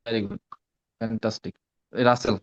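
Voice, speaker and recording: A man's voice: medium pitch, level tone, dull audio. Man teaching Arabic sounds online. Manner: drills sounds slowly, corrects students by name. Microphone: video call.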